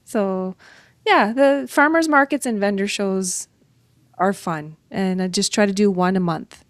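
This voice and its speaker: A woman's voice: mid-range voice, unhurried, no room sound. A middle-aged woman from northern Ontario, a guest author chatting casually and upbeat in an interview. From northern Ontario, Canada. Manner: chatty and upbeat, laughs easily.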